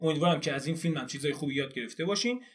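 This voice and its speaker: Man explaining a study method, slightly high voice. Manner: explains step by step, asks and answers own questions. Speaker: English teacher. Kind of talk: video lesson.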